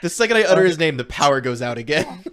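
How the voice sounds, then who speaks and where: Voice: medium pitch, very animated, fast, a loud crowd. A player in a tabletop game chatting casually in a playful, giggly way. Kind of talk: casual chat.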